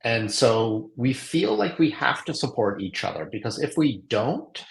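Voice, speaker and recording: A man from Canada on a casual streamed chat, thoughtful and hesitant with many pauses and ums. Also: medium pitch, sing-song, vocal fry, reverberant, slight background noise, low-quality recording.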